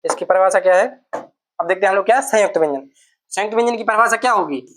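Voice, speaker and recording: A man teaching a class, dictating notes in slow, repeated phrases and asking questions that he answers himself. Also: sits high, a bit bright. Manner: dictates slowly, repeating words for students to note down. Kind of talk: classroom lecture.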